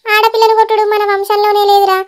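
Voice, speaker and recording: A woman voicing a fussing cartoon mother with a Telangana Telugu accent, anxious about the family's honor. The voice is extremely high and fretful. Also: completely flat delivery, fast. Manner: nagging, fretful.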